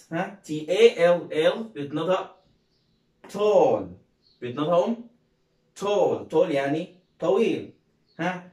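A man's voice: fairly high pitch, far from the mic. Egyptian man teaching English phonics. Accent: Egyptian Arabic. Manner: repeats words loudly, coaxing viewers to say them along. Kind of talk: phonics lesson for learners. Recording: roomy, from off the mic.

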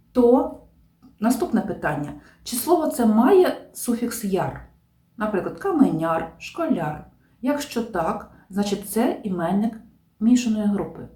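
A woman gives a grammar lesson with a lively, rising-and-falling pitch. Her tone is mellow and soft-edged. She explains each rule deliberately and stresses every example word. The recording has a roomy echo. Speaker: language teacher.

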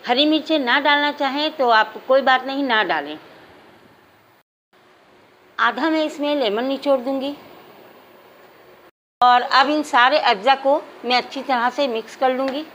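Woman, high voice, calm instructive cooking host, faint background hiss. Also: measured pace, long pauses, rough recording. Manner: addresses viewers as "nazreen" again and again, calm instructive. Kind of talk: step-by-step cooking demonstration. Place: home kitchen.

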